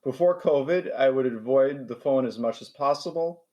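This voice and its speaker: Heard in a muffled recording, a mid-range male voice speaks at normal speed. He's a New Yorker in his forties appearing as a guest in a casual interview, and he stutters, repeating and restarting words.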